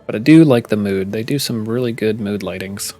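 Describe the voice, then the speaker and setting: A man's voice: on the low side, fairly quick, warm tone, faint music behind. A man chatting casually to his viewers while playing a game live, musing aloud as he goes. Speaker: streamer. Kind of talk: casual gameplay commentary.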